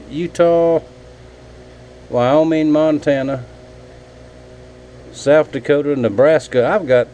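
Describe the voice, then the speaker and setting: A man with a somewhat high, warm voice chats casually in a vlog from his home workshop, where he makes knives. He rambles folksily and calls his viewers y'all, and the low-quality recording carries slight background noise.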